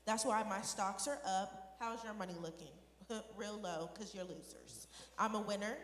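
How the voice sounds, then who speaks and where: A woman's voice: medium pitch, moderate pace, close to an everyday voice. A woman playing a bossy, boastful male leader who mocks others and talks brashly and impatiently. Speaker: skit performer. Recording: echoey room with long reverb.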